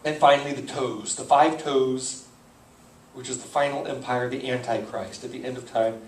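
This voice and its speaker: A man's voice: mid-range voice, steady tone, normal speed, reverberant, far from the mic, poor audio. A man as a pastor teaching the Bible verse by verse in a conversational manner, stopping to puzzle over names and correct himself. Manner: conversational, thinks aloud, self-correcting on names.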